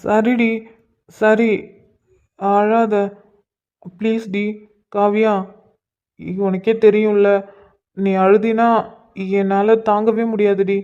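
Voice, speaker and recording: A man voicing a gentle, devoted young husband in a cartoon, coaxing and soothing his crying wife. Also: high-pitched, little pitch movement, slow pace, long pauses, smooth, muffled recording. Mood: soothing, tender.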